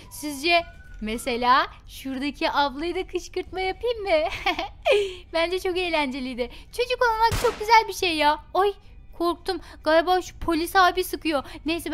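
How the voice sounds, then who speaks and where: A woman's voice: very high voice, a bit bright. Woman doing a giggly little prankster girl. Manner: giggly, teasing, childlike. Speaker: Minecraft roleplay YouTuber. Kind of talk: playful game role-play as a mischievous little girl.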